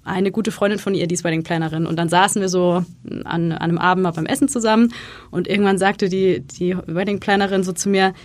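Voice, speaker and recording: A woman's voice: lowish voice, fairly even intonation, fast talker, no room sound. Woman, interview guest, chatty, storytelling, acts out quoted dialogue. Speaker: guest, freelance consultant and wedding speaker. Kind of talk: casual interview talk.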